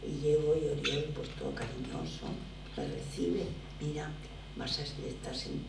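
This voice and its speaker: A woman's voice: low voice, gravelly. An older woman from Barcelona, a theatre producer, telling stories emphatically in an interview. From Barcelona, Spain. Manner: animated, emphatic storytelling. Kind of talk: conversational interview. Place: lecture room at a drama school. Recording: echoey room, voice from far off, faint noise.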